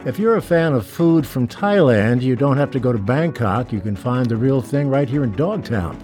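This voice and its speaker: A man hosting a radio studio interview, relaxed and chatty, laughing easily with his guests. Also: mid-range voice, moderate pace, faint music behind. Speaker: radio show host.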